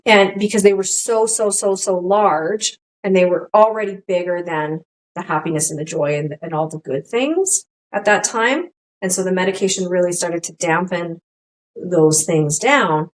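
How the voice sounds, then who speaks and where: A middle-aged woman co-hosting a podcast, talking candidly in casual chat, rambling with many restarts and animated quotes of her own thoughts. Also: on the low side, normal speed, rough recording. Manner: rambling, restarts often, animated quoting of herself. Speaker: podcast co-host.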